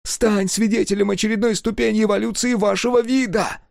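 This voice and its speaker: A man voicing a manic, fanatical little male engineer in a shrill, frantic voice. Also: steady tone, fairly quick, creaky, no room sound, studio quality.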